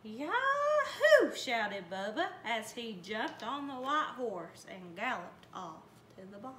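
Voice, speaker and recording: Brief: woman volunteer storybook reader, slow and expressive, roomy sound, faint noise. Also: mid-range voice. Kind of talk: storybook read aloud.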